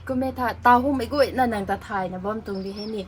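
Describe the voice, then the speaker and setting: A woman hosting a casual talk show interview, mixing in English words and nodding along with soft "mm" sounds. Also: fairly high pitch, fairly even intonation, fast, slight background noise. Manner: mixes in English words, frequent soft "mm" acknowledgements. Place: cafe.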